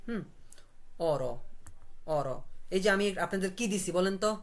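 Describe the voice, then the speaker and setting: Man drilling words slowly. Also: high-pitched, expressive. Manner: drills words slowly syllable by syllable, repeating often. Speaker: language teacher. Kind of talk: live online language class.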